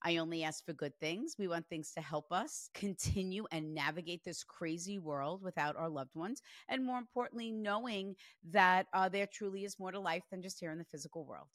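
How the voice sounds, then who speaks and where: Speaking at a normal pace with few pauses, this woman in her forties gives a spirit reading as a psychic medium, her lowish voice chatty and animated and full of "like." The studio sound is clean with no echo.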